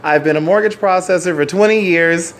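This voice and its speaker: A man's voice: high voice, a little fast, slight background noise. A man in his forties introducing himself to a class in an upbeat, enthusiastic way. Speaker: participant filming the class. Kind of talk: casual self-introduction.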